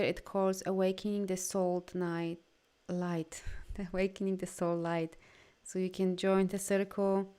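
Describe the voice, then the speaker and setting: She has a lowish, dark, clean voice. A non-native English speaker, she's an energy healing coach hosting a live session, talking informally to viewers with effusive encouragement and reading their comments out often.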